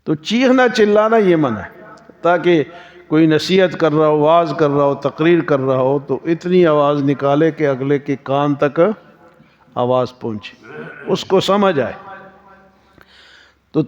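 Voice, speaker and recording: A man teaching a Quran lesson as a sermon, reciting verses slowly and then explaining them in plain speech, with Persian verse chanted in slow drawn-out lines. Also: fairly high pitch, highs cut off.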